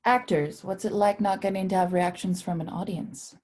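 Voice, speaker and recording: A woman moderating a casual panel on a video call, relaxed and calling on speakers by name. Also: medium pitch, moderate pace.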